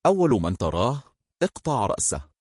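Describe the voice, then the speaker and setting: An unseen, menacing spirit in a storybook horror tale, voiced by a man, giving commands in an ominous tone. The voice is husky and breathy, pitched a little above his narrating voice, and recorded dry. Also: big pitch swings, brisk, no room sound.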